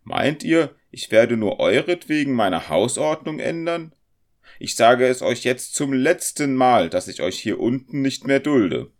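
A stern, grim innkeeper woman in a storybook, her voice pitched high and pushed loud as she scolds her guests, put on by a man reading the tale. She speaks in a sharp, commanding way. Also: very animated, unhurried, few pauses. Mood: stern, scolding. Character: stern grim female innkeeper, middle-aged.

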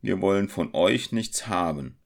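A man reading aloud, voicing a robber leader who bargains with loud threats. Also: sits low, expressive, a little slow, creaky, heavily acted. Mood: menacing. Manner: forceful, threatening.

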